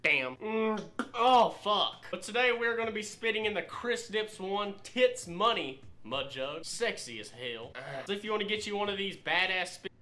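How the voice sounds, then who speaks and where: A loud, brash man pitches a product in a sponsored video clip. His voice sits high, jumps around a lot and rings very bright and sharp. Now and then it breaks into hollering and cursing. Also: lively intonation, moderate pace. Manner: loud, brash and crude, swearing and shouting. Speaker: YouTuber reviewing spit jugs.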